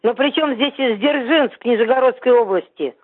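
A woman's voice: on the high side, normal speed, slightly rough. A woman in her seventies on a phone call, indignant and argumentative, swearing when annoyed, heard over a tinny phone line. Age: 70s. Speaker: prank call target. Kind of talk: phone conversation.

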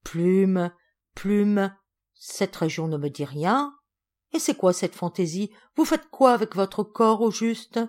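A woman's voice: mid-range voice, slow, a little mellow, lightly acted. Storybook Martian captain, male, weary and blustering; performed by a woman. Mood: baffled. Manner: blustering, tired.

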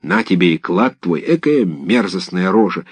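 A man's voice: low-pitched, big pitch swings, moderate pace, vocal fry, husky, no echo, pitched below the performer's own voice, full character voice. Man doing a grumbling old village grandfather. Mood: fearful. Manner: muttering, grumbling to himself. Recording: dull lo-fi dry recording.

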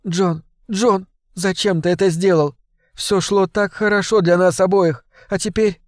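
A man voicing a tearful woman pleading over the phone, her voice chesty and hoarse and broken by sobs. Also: medium pitch, a little slow, no echo, clean studio sound, voice pushed up, lightly acted. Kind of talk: audiobook character voice.

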